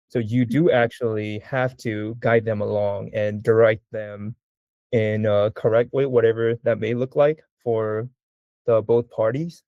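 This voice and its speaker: A man speaking as a student in an interview, giving advice in an earnest, measured way. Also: lowish voice, dark tone, no room sound. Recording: dry, dull lo-fi sound.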